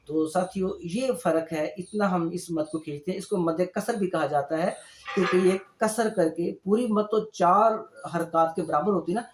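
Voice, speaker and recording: A man explaining a reading lesson with slow, patient care and speaking warmly to his learners as friends. His voice sits a little high for a man. The sound is roomy and echoey. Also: noisy background. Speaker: Quran reading teacher. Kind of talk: spoken lesson.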